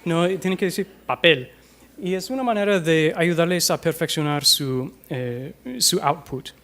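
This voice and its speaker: A man with an American accent gives a conference talk on language teaching, speaking into a microphone in a fairly high voice. He hesitates often between phrases and slows down to demonstrate pronunciation for the audience. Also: a bit bright. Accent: American English. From United States. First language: English. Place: conference hall.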